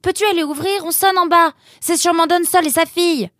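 A woman voicing a lively, flustered young woman in an audio story, talking in quick exclamations. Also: a little high, no room sound, studio quality. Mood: exasperated. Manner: animated, exclaiming.

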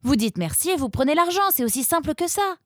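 A sharp-tongued young vixen scolds at a high, forceful pitch, as a woman narrator puts her on. She rants in exasperated bursts, all indignation. The storybook reading is dry and close. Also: sing-song, drawn-out words, no room sound, exaggerated voice. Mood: furious.

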